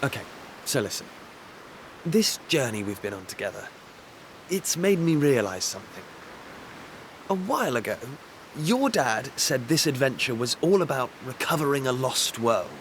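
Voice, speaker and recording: A man's voice: mid-range voice, big pitch swings, normal speed, pauses often, a bit bright, a little hiss or hum. A man playing a blunt, impulsive young prince in a video game, speaking expressively and informally. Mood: earnest, casual. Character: young prince, impulsive, outspoken, loyal adventurer. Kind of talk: video game cutscene voice acting. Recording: game music behind.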